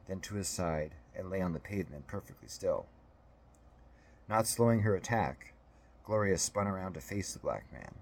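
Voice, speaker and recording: A man narrating an audiobook in a steady, measured storytelling manner. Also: deep voice, husky.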